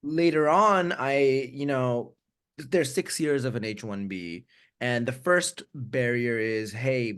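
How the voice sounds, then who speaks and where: Appearing as a webinar guest on a video call, a thirtysomething man from India with an American accent shares his story with candor and reflection. His voice is on the low side and a bit bright, and he frequently restarts sentences and repeats words.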